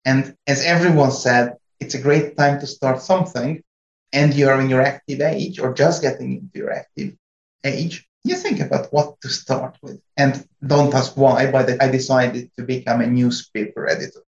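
A middle-aged man from Hungary, a company IT chief answering interview questions in a measured, slightly halting way. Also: mid-range voice, fairly even intonation, vocal fry. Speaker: guest, company CIO. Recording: roomy, dull-sounding remote line.

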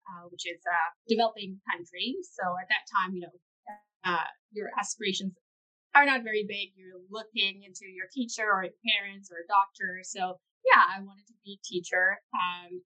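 A woman from Indonesia, an entrepreneur guest, answering interview questions in a relaxed way with many fillers. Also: medium pitch, moderate pace, rough recording.

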